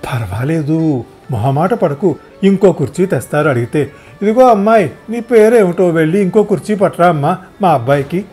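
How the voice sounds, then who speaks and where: A man's voice: on the high side, lively intonation, moderate pace, a little mellow, husky, soft background music, voice pushed up. A man voicing a talkative, meddling elderly mother in a wheelchair, fussing over everyone in a storybook reading. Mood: chatty.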